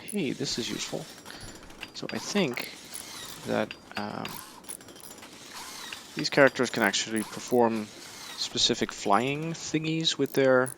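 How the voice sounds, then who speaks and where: A man's voice: medium pitch, gravelly, fairly bright tone, slight background noise. A man streaming a game live, casually thinking aloud in a rambling, sometimes tongue-tied way, sleepy and yawning. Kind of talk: casual let's-play commentary.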